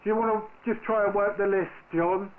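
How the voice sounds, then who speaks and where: Steady static fills this noisy shortwave recording of a man serving as an amateur radio net controller. He speaks a little fast in a high voice, informal and hesitant as he works through radio procedure, and the audio is narrow and tinny.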